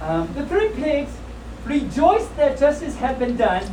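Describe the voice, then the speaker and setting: A high-pitched, mellow-voiced woman hosts a live storytime at a fan convention, reading a comic children's story aloud a little slowly and very animatedly. She adds playful, jokey, chatty asides, and a distant camera captures it in an echoey indoor room with an audience and background noise.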